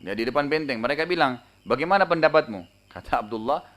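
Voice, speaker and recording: A male Islamic preacher retelling a story in a sermon, in a lively way, often tagging his lines with a casual filler and raising his voice for the story's shouts. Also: medium pitch, fast.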